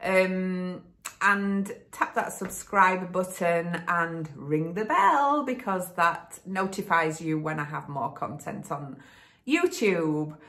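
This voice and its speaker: A woman with a Yorkshire accent, closing her vlog with a chatty, unhurried sign-off full of ums. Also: on the low side, expressive, fairly bright tone. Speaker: vlog host. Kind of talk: casual outro to camera.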